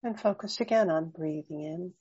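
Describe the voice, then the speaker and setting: A woman guiding a slow breathing meditation, speaking softly and soothingly with long pauses. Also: on the low side, husky, dull audio. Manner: slow, soft, soothing and unhurried. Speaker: meditation guide.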